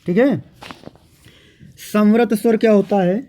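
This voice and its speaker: A man teaching a grammar lesson, speaking slowly and patiently and repeating each definition so that students can write it down. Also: high-pitched, steady tone, warm tone. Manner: slow and patient, repeating definitions for note-taking. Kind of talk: classroom lecture on grammar.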